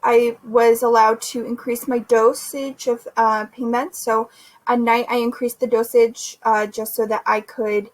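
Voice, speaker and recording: A woman's voice: a little high, flat delivery, unhurried, rough recording. A young woman vlogging casually about her recovery, chatty with lots of fillers, sore and a little short of breath. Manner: chatty, many fillers and restarts. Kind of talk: casual recovery vlog chat.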